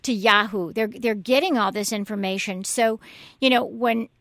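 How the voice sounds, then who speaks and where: Female radio host, pointed and quick, dry studio sound. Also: a little high, fairly even intonation, a bit bright, no room sound. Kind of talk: radio interview.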